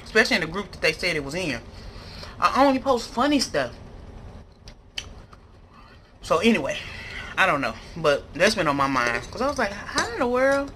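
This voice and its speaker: A woman's voice: on the low side, sing-song, fairly quick, pushed and bright. An American woman chatting casually and emphatically to viewers in slangy phrasing, talking between mouthfuls as she eats. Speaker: mukbang vlogger. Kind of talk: casual chat to viewers while eating. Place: indoor room at a table. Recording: clear background noise, clattering cutlery and dishes.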